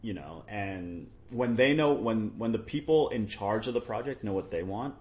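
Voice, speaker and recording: Low-voiced male voice-over guy, rambling. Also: normal speed. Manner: relaxed, rambling, trails off quietly. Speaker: voice-over artist. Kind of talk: casual podcast chat.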